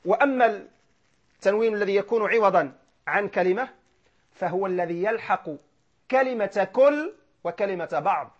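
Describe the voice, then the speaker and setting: A man teaching grammar, who asks questions and answers them himself, repeats key terms and slowly recites verses. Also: high voice, expressive. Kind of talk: classroom grammar lesson. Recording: dull lo-fi lecture recording.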